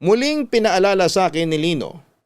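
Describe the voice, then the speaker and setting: This scripted radio piece has a Filipino-accented man reading aloud a young woman's love letter. His voice is high and expressive, his mood reflective and heartfelt, and the measured reading carries no room sound.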